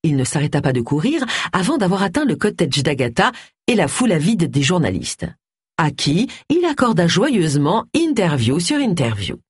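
A woman narrating an audiobook in an expressive, lively reading. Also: lowish voice, normal speed, husky, no echo, clean studio sound.

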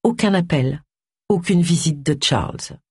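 An audiobook narrator giving an expressive reading of a novel on a close studio mic. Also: mid-range voice, measured pace, slightly rough, dry recording.

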